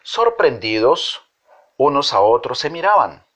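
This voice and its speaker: Slow, sing-song storyteller man. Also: medium pitch, very animated, fairly bright tone. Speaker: storyteller for children. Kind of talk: Bible story reading for children. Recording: dull lo-fi recording.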